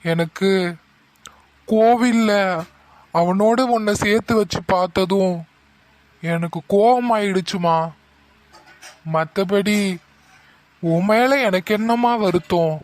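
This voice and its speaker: A man voicing a stern middle-aged father who scolds and then softly apologizes to his daughter, in a cartoon. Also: high-pitched, slow, pauses often, no echo, rough recording. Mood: apologetic. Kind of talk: cartoon voice acting.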